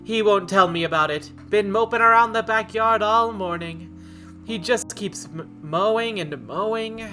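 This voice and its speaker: A woman's voice: mid-range voice, unhurried, bright, forceful tone. A woman voicing a stern, bossy old aunt cat with a brusque, scolding manner, in an amateur cartoon dub. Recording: guitar music behind.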